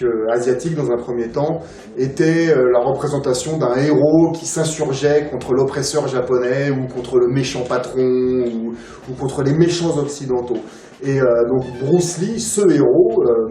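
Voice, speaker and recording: A man's voice: medium pitch, warm tone. A man speaking as an interview guest in a casual chat, rambling with many filler sounds and restarts. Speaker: interview guest, film collector. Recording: roomy, distant mic, music behind.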